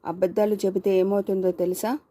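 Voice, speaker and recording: A woman voicing a male public prosecutor who questions a child witness in brisk, coaxing tones. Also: medium pitch, flat delivery, warm tone, no room sound, lightly acted. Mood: questioning.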